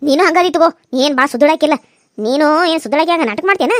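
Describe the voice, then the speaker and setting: A woman's voice: sits high, fast talker, a bit bright, no room sound, clean studio sound. A woman doing a scornful cartoon mother-in-law. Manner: scornful, dismissive. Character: scheming sharp-tongued mother-in-law, middle-aged. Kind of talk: cartoon serial voice acting.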